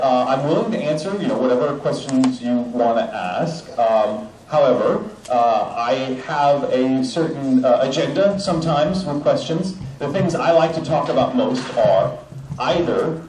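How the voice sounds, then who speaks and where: A man speaking at a convention question panel, joking and chatty with many filler sounds, his voice coming through a loudspeaker system with fuzz distortion from clipping. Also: medium pitch, a little hiss or hum. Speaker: voice actor answering fan questions. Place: large convention hall with an audience. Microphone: handheld mic into the house speaker system. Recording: echoey hall through loudspeakers, from far off, with crowd.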